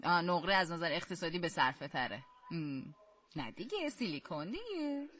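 A woman hosting a quiz show, reading questions slowly and clearly and praising the players. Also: fairly low pitch, sing-song, a bit bright. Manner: slow, carefully spelled-out questions; encouraging praise.

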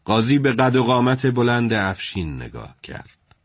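A man narrating a historical story in a colloquial, steady storytelling manner. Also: mid-range voice, dry recording.

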